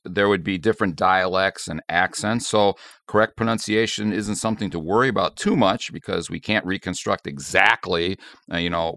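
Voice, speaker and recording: A man's voice: low voice, a bit bright, no room sound, clean studio sound. Plain-spoken man, pastor co-hosting a podcast. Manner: friendly, plain-spoken explaining with some fillers. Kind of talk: casual Bible study podcast chat.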